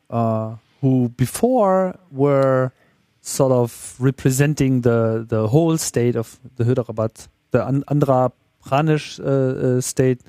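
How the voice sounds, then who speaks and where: A man's voice: mid-range voice, mellow, no echo, clean studio sound. A man co-hosting a news talk program, speaking hesitantly with fillers as he steers the topics. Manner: hesitant, uses fillers, leads topic changes. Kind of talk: casual news discussion.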